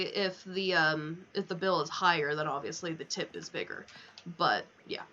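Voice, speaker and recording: A young American woman with a lowish voice and sharp tone rambles unfiltered on a livestream over a video game, swearing often. The recording comes from a dull, lo-fi mic with plainly audible background noise.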